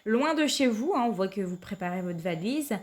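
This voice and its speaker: Animated yet hesitant, this card reader talks at normal speed and medium pitch, working through a weekly reading for her viewers while she has a cold. Fillers pile up, and she keeps saying "tout simplement."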